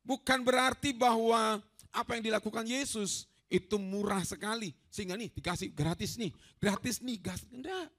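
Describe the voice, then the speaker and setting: High gravelly preacher, lilt. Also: male voice, normal speed. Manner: lively, storytelling, addresses listeners as saudaraku. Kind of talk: sermon. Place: church hall.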